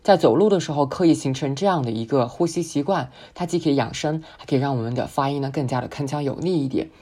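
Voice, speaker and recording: A woman whose first language is Chinese, teaching an English speaking lesson and slowly modelling words for the listener to repeat. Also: a bass voice, mellow, breathy edge. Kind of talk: spoken English pronunciation lesson.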